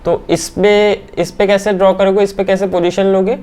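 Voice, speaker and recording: A man teaching trading as he walks through candlestick charts on screen, often checking in with his listeners and filling pauses with "aa". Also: sits high, level tone, darkish tone, clear, resonant tone. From India. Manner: keeps checking in with "theek hai?"; talks through hesitations with "aa" fillers. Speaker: stock market teacher.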